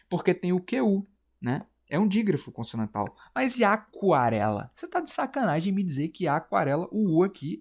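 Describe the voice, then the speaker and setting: A man with a Brazilian accent teaching a casual exam-prep lesson. He talks in a chatty, slangy way and keeps checking in with "né?" and "beleza?". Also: on the high side. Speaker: Portuguese teacher.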